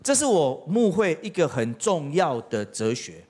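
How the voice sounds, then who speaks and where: A man's voice: a little high, very animated, measured pace, darkish tone. A middle-aged man preaching a sermon as pastor, telling stories with acted-out quotes and rhetorical questions. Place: church.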